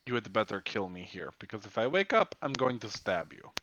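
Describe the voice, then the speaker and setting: Reluctant, exasperated game hero played by a man, threatening and tired, lively low voice, faintly noisy recording. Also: brisk, dull audio. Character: Elijah, weary, resentful, threatening reluctant adventurer. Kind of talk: tabletop role-play.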